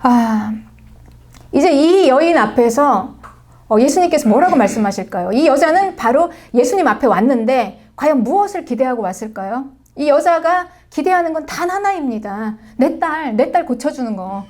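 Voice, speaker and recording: A middle-aged woman pastor preaching a sermon with a Seoul accent, dramatic, swinging between soft murmurs and raised cries. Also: sits high, lively intonation, normal speed. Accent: Seoul Korean. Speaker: senior pastor.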